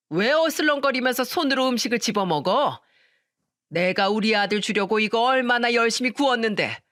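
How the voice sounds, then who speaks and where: A woman voicing an angry older mother-in-law who yells harsh insults in a radio story. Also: a little high, no room sound, clean studio sound.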